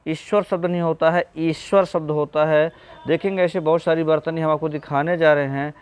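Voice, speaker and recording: A man's voice: on the high side, fairly even intonation, a little fast, a little mellow, clear, resonant tone. A man teaching an exam-prep spelling lesson, patiently going through correct and incorrect word forms and addressing viewers as friends.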